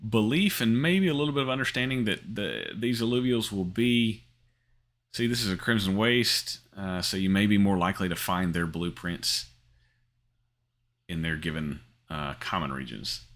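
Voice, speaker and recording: A man's voice: fairly low pitch, normal speed, a bit bright. A middle-aged man hosting a gaming channel, talking casually over his screen with lots of ums and restarts. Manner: rambling, many fillers and restarts. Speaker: crypto gaming channel host. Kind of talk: casual screen-share commentary.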